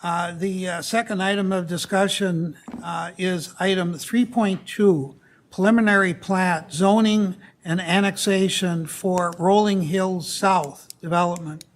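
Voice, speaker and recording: A woman's voice: on the low side, steady tone, unhurried, a little hiss or hum. A woman chairing a formal public commission meeting, moving through the procedure.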